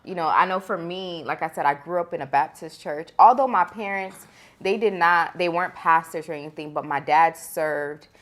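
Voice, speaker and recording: Low-voiced woman hosting a podcast. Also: moderate pace, fairly bright tone. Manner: conversational, asks the questions. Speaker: podcast co-host. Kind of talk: casual podcast chat.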